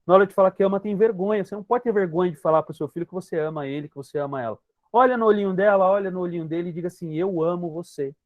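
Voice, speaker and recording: High-voiced Brazilian man teaching a group. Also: racing, no room sound. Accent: Brazilian Portuguese. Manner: emphatic, addresses listeners directly and repeats key points. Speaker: hypnotherapist. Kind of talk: teaching talk to an online group session.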